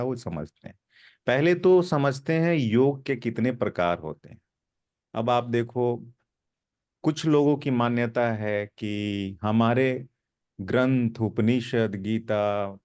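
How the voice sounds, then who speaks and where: A man's voice: mid-range voice, a little mellow. A middle-aged man teaching an informal spiritual lesson, explaining step by step and often checking with listeners. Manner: conversational, explanatory, asks listeners "ठीक है?".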